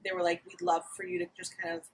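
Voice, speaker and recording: A woman's voice: fairly low pitch, level tone, fast, a little mellow, breathy edge, recorded from a distance. A woman in casual comedic chat, telling stories in a wry, candid way.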